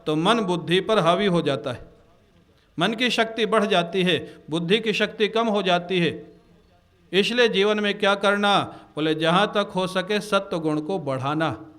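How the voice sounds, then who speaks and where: A man with a high voice preaches to a gathering. He tells moral stories, breaks into chanted Sanskrit verses, and keeps checking with his listeners with a quick "haan?". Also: a bit bright. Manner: storytelling, quoting Sanskrit verses, asks the audience "haan?". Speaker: spiritual preacher. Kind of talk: devotional discourse. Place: religious gathering in Delhi.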